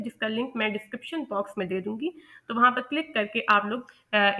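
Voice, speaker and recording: A woman teaching English pronunciation, explaining step by step over slides and often checking in with "okay", with English terms spoken slowly and deliberately. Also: a little high, sharp tone.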